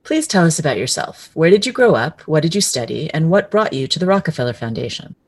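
A woman's voice: low voice, sing-song, fast talker, breathy edge, no room sound. A woman hosting a podcast, reading formal introductions and asking questions. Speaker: podcast host. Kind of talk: podcast interview.

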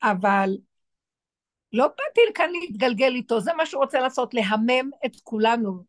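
Woman teacher giving a religious talk to women, high voice, emphatic, lots of rhetorical questions, dry close sound. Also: animated, dry recording. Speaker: spiritual teacher.

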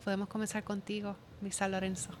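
A woman's voice: medium pitch, monotone, fast. A woman with a Puerto Rican accent hosting a conversational panel interview. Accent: Puerto Rican Spanish. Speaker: interviewer and pageant titleholder. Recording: audible background noise.

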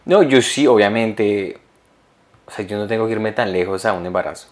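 A man's voice: lowish voice, moderate pace. A young man co-hosting a casual comedy podcast, teasing and wry, who often chimes in to agree. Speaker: podcast co-host.

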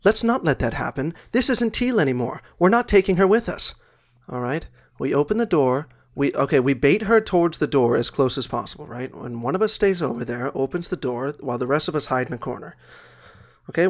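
Man, tabletop player, urgent, plan-laying, keeps checking in. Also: a little high. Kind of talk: in-character tabletop play.

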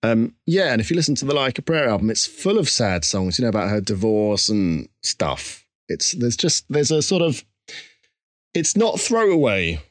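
Medium-pitched and sing-song, this man speaks at a normal speed in a dry, clean studio recording. A musician from Essex, England, with an Essex accent, he is the guest in a casual interview. He reflects candidly and conversationally, often poking fun at himself.

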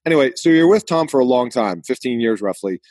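A man's voice: mid-range voice, animated, fast, a little mellow, no echo. Boston-accented man hosting a podcast, close dry sound. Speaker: podcast host. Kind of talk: casual conversational podcast hosting.

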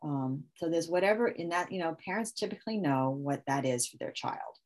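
Mom-type guest, lower register, conversational; thinks aloud with restarts and acts out sample lines to a kid. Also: female voice, animated, a little fast, a little mellow. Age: adult parent. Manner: talks through ideas with many restarts and quoted one-liners. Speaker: parenting expert guest. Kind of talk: conversational explanation with acted example phrases.

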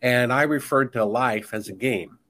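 A man's voice: mid-range voice, moderate pace, a bit bright. A man speaking as a guest author in a podcast conversation, talking in an emphatic, insistent, preachy way.

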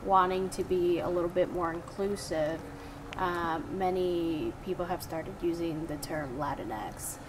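A woman guest in a casual interview, answering in a friendly and easygoing manner. Her voice sits on the lower side for a woman. Clear background noise runs behind her the whole time. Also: a little slow. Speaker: city council member.

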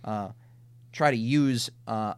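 A man with a Minnesota accent talks through his ideas on a casual podcast at a middling pitch. He lays out his points in lists and often restarts as he thinks aloud. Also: slow pace, clean tone, no echo. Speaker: podcast co-host. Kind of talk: casual conversational podcast discussion.

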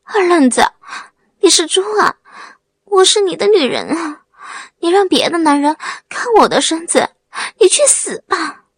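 A woman's voice: high-pitched, very animated, unhurried, no echo, exaggerated voice. A woman voicing a domineering young bride who talks down with scorn and shrieks in anger. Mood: shrieking.

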